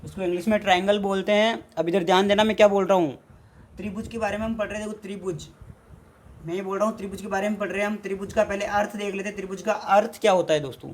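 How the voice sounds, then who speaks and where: A man's voice: sits high, steady tone, very fast, slight background noise. A man from India, teaching an exam-prep math lesson at a board. He repeats his points and asks questions that he answers himself.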